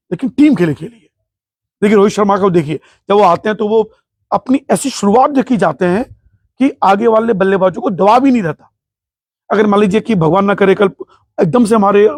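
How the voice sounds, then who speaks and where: A man's voice: high voice, darkish tone, dry recording, studio quality. A man hosting his own cricket talk show, giving an emphatic, opinionated monologue. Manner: passionate, emphatic, patriotic.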